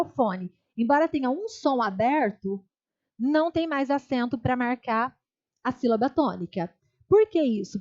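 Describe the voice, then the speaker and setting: In an online exam-prep lecture, a woman with a Brazilian Portuguese accent teaches grammar step by step, repeating key terms and checking in with her students. Her voice is high-pitched with a darkish tone, and the recording sounds muffled.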